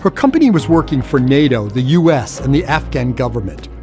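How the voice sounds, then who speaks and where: A man hosting an award gala and narrating its tribute video in a measured, formal scripted delivery. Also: mid-range voice, big pitch swings, over music. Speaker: host and narrator.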